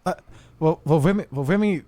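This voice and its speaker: Higher-pitched man chatting over a tabletop game. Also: a little fast, mellow, no echo. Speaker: player. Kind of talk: casual tabletop game chat.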